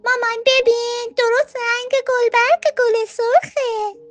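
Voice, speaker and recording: A woman voicing a tiny lost baby ant that squeaks and wails tearfully. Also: steady tone, a little mellow, soft background music. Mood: happy. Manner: squeaky, tearful, drawn-out wailing.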